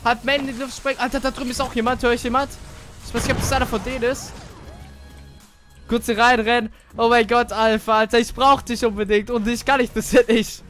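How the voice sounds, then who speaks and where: A man giving casual gaming commentary, excitable and chatty as he plays with a teammate. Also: very high voice, a little fast, faint music behind. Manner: excitable, swears casually, talks to teammate while playing. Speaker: gamer.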